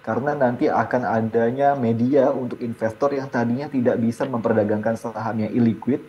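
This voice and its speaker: A man's voice: mid-range voice, steady tone, fairly quick, dark tone, highs cut off. A middle-aged man, a guest expert on a business show, explaining steadily over a video call with some fillers. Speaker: stock exchange division head, guest. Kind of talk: interview answers on a business show. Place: indoors, video call from a trading hall.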